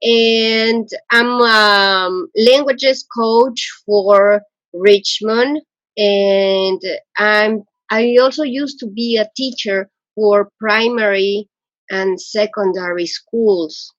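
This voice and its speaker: Slow, hesitant woman from Ecuador. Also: medium pitch, fairly even intonation, a bit bright, dry recording. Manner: slow, hesitant, repeats and restarts phrases. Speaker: webinar presenter, languages coach. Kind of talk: teacher webinar presentation. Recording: dull, lo-fi webinar audio.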